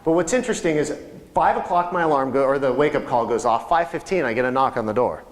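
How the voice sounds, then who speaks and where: A man's voice: mid-range voice, lively intonation, quick pace. A man leading a live real estate sales training, talking conversationally and asking the audience questions. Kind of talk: live training seminar talk. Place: training room with reverb. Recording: live room recording with long reverb.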